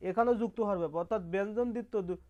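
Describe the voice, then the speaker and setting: Male teacher, high voice, patient step-by-step slide lesson, dull lo-fi recording. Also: racing, darkish tone. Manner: explains step by step, repeats terms, asks and answers. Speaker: grammar teacher.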